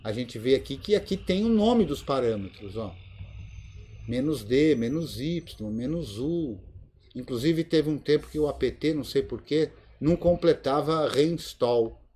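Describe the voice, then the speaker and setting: A Linux course instructor with a Brazilian Portuguese accent runs a live screen-share lab over a video call, thinking aloud with many fillers. His mid-range voice is warm, animated, and unhurried, and the video call mic picks up a little hiss or hum.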